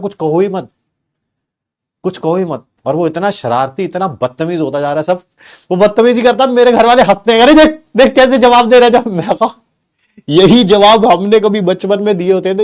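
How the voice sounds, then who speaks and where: Male teacher from India, middle-aged, high voice, acts out family scenes for students. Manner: animated, mixes English phrases, acts out family members' lines. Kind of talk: storytelling to students in class.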